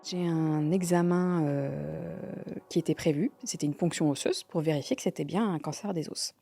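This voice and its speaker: A woman, telling her own story candidly, halting with many fillers and sometimes dropping to a near-whisper. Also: low voice, vocal fry, dark tone, faint music behind. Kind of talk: personal testimony.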